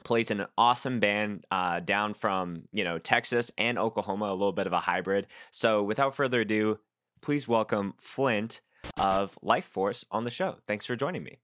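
A man's voice: lowish voice, normal speed, no echo, studio quality. A man hosting a podcast, talking casually with lots of ums and likes. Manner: relaxed, filler-heavy talk with frequent "like" and "um". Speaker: podcast host. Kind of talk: casual interview chat.

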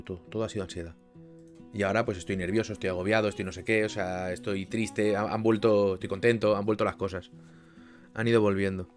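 A young man from chatting casually with viewers on a live stream, rambling with lots of restarts and sudden loud bursts. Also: on the low side.

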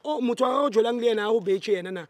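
A South African man hosting a street vlog, loud and pushy as he questions people about a debt. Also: high voice, rapid-fire, no echo. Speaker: vlog host confronting a debtor. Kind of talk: street confrontation vlog, mixing languages.

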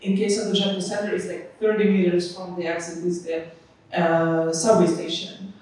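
A woman's voice: on the low side, level tone, normal speed, darkish tone, distant mic. Woman explaining in an echoey hall. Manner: earnest, explanatory, gesturing with free hand. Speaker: panelist. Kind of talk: conference panel answer. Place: conference stage in a hall. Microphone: handheld mic. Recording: echoey hall, mic heard from afar.

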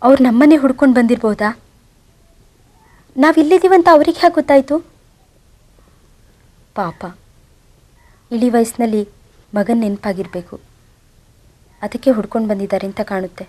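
A woman's voice: on the high side, moderate pace, long pauses, dark tone, natural voice. An actress playing a devoted young wife who earnestly pleads with her husband, in a TV serial. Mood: wistful. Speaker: wife searching for her in-laws. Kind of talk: TV serial acting.

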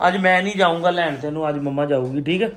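A man's voice: on the high side, fast. A man with a Punjabi accent, filming a casual home vlog and coaxing and reassuring a small child. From Punjab, India. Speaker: family vlogger. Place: indoors at home. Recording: echoey room, faint background hum.

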